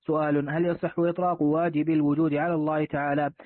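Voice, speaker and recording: A man reading a classical religious text aloud, with steady, measured recitation of definitions, as a student before his teacher. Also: on the high side, dry recording. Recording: tinny phone-like recording, dry.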